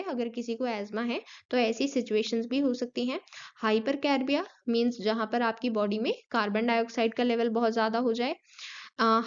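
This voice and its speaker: Indian woman teaching, bright and dull-toned. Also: fairly high pitch. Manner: explanatory, mixes English terms, frequent fillers. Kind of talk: online class lecture.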